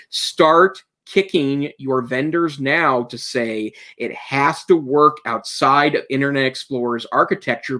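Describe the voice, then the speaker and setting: A man's voice: mid-range voice, a bit bright. A man co-hosting an education technology podcast, giving earnest, opinionated advice in casual talk with frequent restarts. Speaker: podcast co-host. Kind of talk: casual tech chat.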